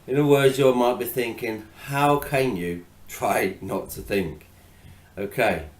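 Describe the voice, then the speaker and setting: A male hypnotherapist talking informally and hesitantly about hypnotherapy, with many fillers, then gently guiding the listener through their breathing. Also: mid-range voice, a little slow, reverberant. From England. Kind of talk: informal talk to camera on hypnotherapy.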